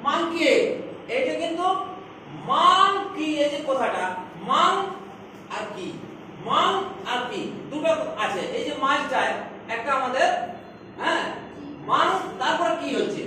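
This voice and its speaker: A primary school English teacher with a high voice teaches young children in a classroom, patiently stretching words out syllable by syllable as she explains the lesson. The recording is echoey and made from a distance, with a noisy background.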